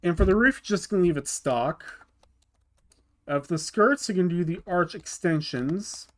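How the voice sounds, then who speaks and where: A man's voice: high-pitched, a little slow. A man hosting his gaming channel, talking through a car build in a casual tutorial voice-over, often stopping to restart and repeat words.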